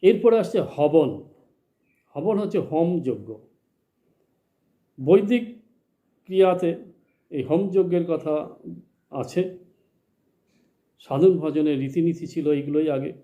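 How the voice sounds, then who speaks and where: A man teaching a spiritual lesson in a measured, explanatory way, asking questions and then answering them himself. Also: a little high, animated, mellow. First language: Bengali. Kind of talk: slow spoken religious lecture.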